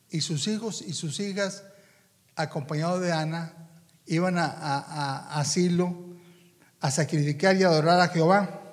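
A preacher gives a sermon in a high, carrying voice. He talks in a halting way, repeating words as he addresses his brothers in faith. His voice rings through a long church-hall echo.

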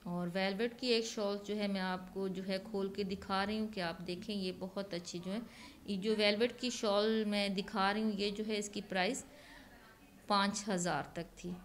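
A woman's voice: medium pitch, fairly even intonation, moderate pace, slight background noise. Chatty woman touring a flea market. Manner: chatty, leans on the filler "jo hai" a lot. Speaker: vlogger. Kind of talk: casual shopping vlog narration. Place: open-air flea market stalls outdoors.

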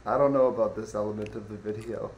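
A young man co-hosting a small comedy channel, chatting casually in a dry, deadpan way with hesitant ums. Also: fairly low pitch, fast, muffled recording, a little hiss or hum. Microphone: new microphone.

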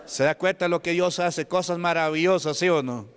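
A man's voice: fairly high pitch, normal speed, clear, resonant tone. A man with a Peruvian Spanish accent, a deacon preaching a testimony sermon, telling a story and asking the congregation questions. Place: church hall. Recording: long hall reverb.

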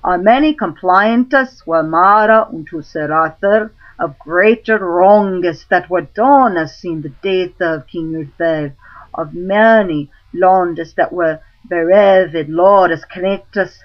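A woman reciting old literature in Middle English pronunciation, deliberate and halting, phrase by phrase. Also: lowish voice, muffled recording.

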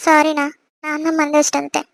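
A woman voicing an emotional young married sister in an animated cartoon, pleading and tearful. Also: high voice, gravelly, dry recording, clean studio sound. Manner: pleading and tearful, quick chatter.

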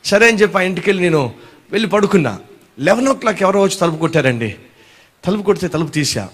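A male pastor preaching a sermon, animated and firing questions at his congregation. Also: high voice, quick pace, breathy edge.

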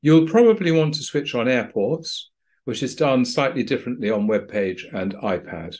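A man narrating a screen-recorded software tutorial for pilots in a plain, practical, dryly understated way. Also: mid-range voice, expressive, moderate pace. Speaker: flight training instructor.

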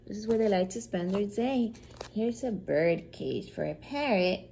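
Preschool teacher, female, slow and very melodic storytime read-aloud. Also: mid-range voice, animated, gravelly, slight background noise, poor audio. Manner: gentle, slow, sing-song storytime delivery. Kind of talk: reading a picture book to young children.

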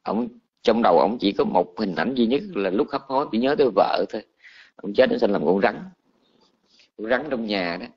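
Monk telling a sermon story, muffled. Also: male voice, on the low side, moderate pace, slightly rough. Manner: colloquial, animated storytelling with restarts. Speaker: Buddhist monk teacher.

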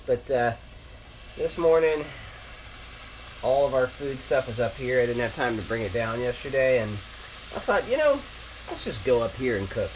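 A man's voice: medium pitch, a little hiss or hum, poor audio. A man in his thirties vlogging casually outdoors on a snowy homestead, explaining his gear as he works, recorded on a handheld action camera. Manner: easygoing, explains gear while working, chuckles often. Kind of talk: casual vlog talk to camera. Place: outdoors in snow on a rural homestead. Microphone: action camera held or strapped on.

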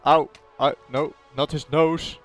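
Man, gamer commentary, excitable and jokey, slow drawn-out delivery with loud outbursts. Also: on the high side, faint music behind. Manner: excitable, yelling exclamations and swearing; jokey, talks to things in the game. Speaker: gaming video creator. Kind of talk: gameplay commentary.

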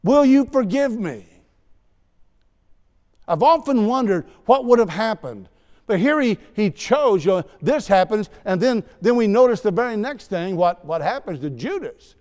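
A man's voice: sits high, big pitch swings, moderate pace, a little mellow. A man preaching a sermon in a church, talking conversationally with asides and light teasing. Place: church sanctuary. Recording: long church hall reverb.

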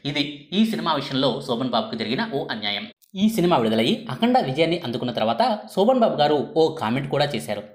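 A man giving scripted documentary narration in a lively storytelling delivery. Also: mid-range voice, fast. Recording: echoey room.

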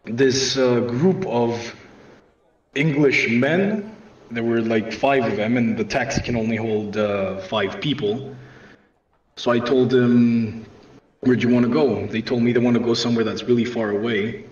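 A man casually telling a profane comedic story in a deadpan way, with constant swearing. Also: mid-range voice, a little slow. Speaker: storyteller on a comedy game night. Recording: distant echoey room, dull lo-fi mic, faint noise.

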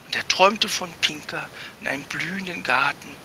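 A man reads his own fantasy story aloud in a careful, even manner. His voice is high and very bright. The sound comes over a voice chat stream with a faint rumble behind it. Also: normal speed, low-quality recording. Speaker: author reading his story. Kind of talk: literary reading.

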